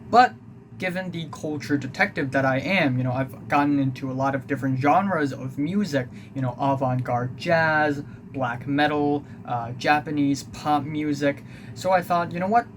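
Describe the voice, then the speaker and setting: Speaking at normal speed in a slightly high voice over a noisy background, a teenage Hong Kong music reviewer gives a casual, blunt album review. Cantonese is his first language, he has a Hong Kong accent, and he rambles with plenty of fillers.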